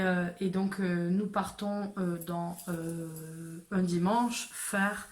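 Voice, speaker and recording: A woman telling a personal story to camera in a casual way, hesitant with many fillers and restarts. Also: lowish voice.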